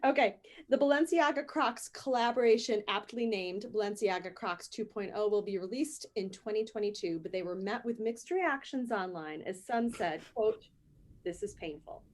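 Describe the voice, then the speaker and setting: A co-host on a casual podcast reads a news story aloud at a moderate pace in a medium-pitched voice, barely pausing. She's playful, ranting, and quick to laugh.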